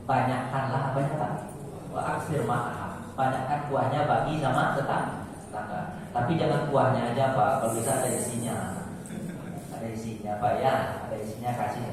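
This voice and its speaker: A man giving a short mosque sermon in a storytelling way, with speech, often addressing listeners as "sir" and acting out the people in his stories. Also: a little high. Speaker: preacher. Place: mosque hall. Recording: echoey hall from far off, faint noise.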